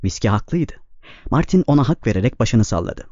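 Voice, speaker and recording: A male narrator reads a novel in a steady, measured way. His voice is warm and mellow at a middle pitch. The recording is dry and somewhat muffled. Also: no room sound. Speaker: audiobook narrator. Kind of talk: scripted narration. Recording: slightly dull, dry recording.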